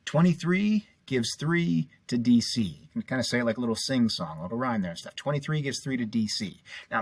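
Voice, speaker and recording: A man's voice: medium pitch, slightly rough, no room sound. A middle-aged man giving a chatty, casual lesson, repeating little memory rhymes. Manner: chatty, repeats mnemonic rhymes, lots of fillers. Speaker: teacher. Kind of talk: casual classroom lecture.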